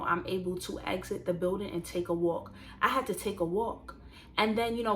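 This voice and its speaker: Young woman, twenties, vlogger, animated storytelling, direct address, light background hiss. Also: medium pitch. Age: 20s. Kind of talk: casual storytelling and motivational talk.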